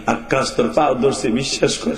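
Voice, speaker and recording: A man's voice: mid-range voice, steady tone, moderate pace, creaky, lightly acted. A man voicing a pleading old mother. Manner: plaintive, pleading. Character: pleading elderly village mother. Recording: echoey outdoor sound system.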